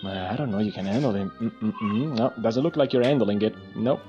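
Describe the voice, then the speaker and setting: A man's voice: lowish voice, moderate pace, mellow, muffled recording, soft background music, voice pushed down, lightly acted. A man voicing a mocking inner voice that heckles the host and taunts him. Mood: taunting. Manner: teasing, taunting.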